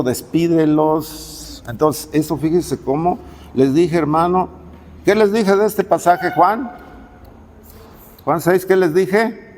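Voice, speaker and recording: Pastor preaching, kinda high voice, keeps asking the crowd stuff, big echoey church. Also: male voice, a little mellow, slight background noise. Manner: conversational preaching, repeatedly addressing "hermano" and asking questions. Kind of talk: sermon. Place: church hall. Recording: long reverb of a church hall.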